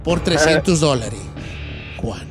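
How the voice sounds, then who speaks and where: A man's voice: a little high, lively intonation, slow pace, over music. A man voicing a joking elderly male radio host with a Mexican accent, running a call-in quiz in a folksy, teasing drawl. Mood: playful. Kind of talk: comedic radio call-in show.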